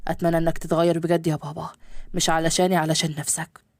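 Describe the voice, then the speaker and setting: A woman's voice: deep voice, level tone, fast talker, no room sound, clean studio sound, voice pushed down. Woman reading as an earnest young rich son. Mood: guarded. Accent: Egyptian Arabic.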